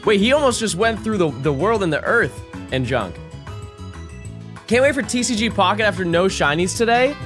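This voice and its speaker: A male streamer speaks into a headset mic with game music running underneath. His voice jumps all over, from shouted hype down to mock-sad mutters. His throat sounds a little sore. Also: high voice, lively intonation, moderate pace. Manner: swings between hyped shouting and mock-sad mumbling. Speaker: livestreamer. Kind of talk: casual livestream chat. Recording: game music playing behind.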